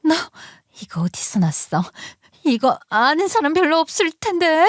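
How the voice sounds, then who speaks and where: A bratty younger sister-in-law, put on by a woman narrator, sneering and spiteful, her voice pushed higher than the narrator's own. The sound is dry and close, with no room around it. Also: lively intonation, measured pace, no room sound. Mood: pleading. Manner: mocking, then pleading.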